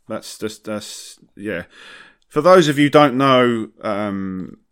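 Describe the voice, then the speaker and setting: A man's voice: on the low side, expressive, slow, a bit bright, smooth. A man chatting casually as a podcast host, wry and jokey, using British slang. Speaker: podcast host and car detailer.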